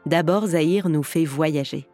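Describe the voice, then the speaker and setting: A woman's voice: low voice, unhurried, a little mellow. A woman hosting a podcast, narrating a scripted story in a theatrical storyteller's way. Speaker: podcast host and actress. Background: music.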